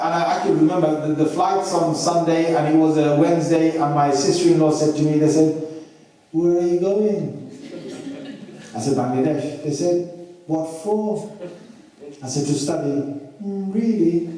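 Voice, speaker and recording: A man's voice: on the high side, dark tone, recorded from a distance. Man lecturing in an echoey hall. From Britain. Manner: storytelling, acts out dialogue, self-deprecating asides. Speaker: Islamic lecturer. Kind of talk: anecdotal religious lecture.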